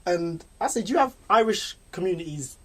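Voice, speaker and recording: A man's voice: high voice, lively intonation, normal speed. A man hosting a radio interview in a playful, rambling, joking manner. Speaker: radio host.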